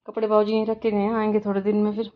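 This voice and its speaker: A woman's voice: medium pitch, monotone, racing. A woman, chatting to viewers directly in a casual family vlog. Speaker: vlogger. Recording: slightly dull phone audio with faint noise.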